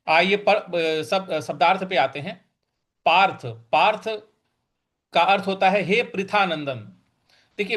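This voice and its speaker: A man's voice: a little high, a bit bright. A man teaching scripture pronunciation, breaking words into syllables and chanting the verse. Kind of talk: recitation and pronunciation lesson.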